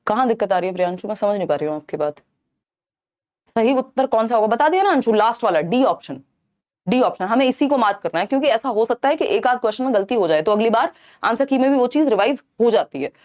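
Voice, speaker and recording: A woman's voice: on the high side, animated, quick pace, a little mellow. A woman teacher running a live online exam-prep class, explaining step by step, slipping in English terms and often checking that listeners are following.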